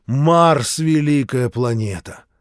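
A man voicing a timid, bewildered Martian man in an audiobook, speaking quietly and hesitantly. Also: mid-range voice, takes it slowly, no echo, studio quality, close to an everyday voice.

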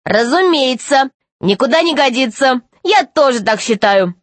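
A woman's voice: high voice, lively intonation, measured pace, no room sound, pitched above the performer's own voice. A woman voicing a polite, eager young boy who speaks in a placating way. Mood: agreeable. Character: boy, courteous and eager to please.

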